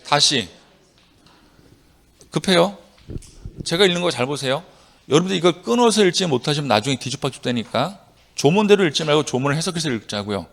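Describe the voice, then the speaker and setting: A man's voice: on the high side, brisk, creaky, pauses often. A middle-aged man teaching tax law to a live class, drilling students and having them repeat phrases for recitation. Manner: animated, jumps between loud and quiet. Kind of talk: classroom lecture. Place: lecture hall with a live class.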